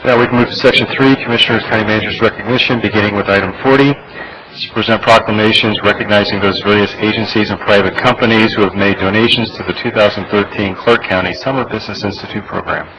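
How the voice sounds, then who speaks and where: Fast-talking American official, low noisy recording. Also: male voice, fairly even intonation. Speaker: county official presenting agenda items. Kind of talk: formal procedural reading. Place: government meeting room. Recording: noticeable background noise in meeting room.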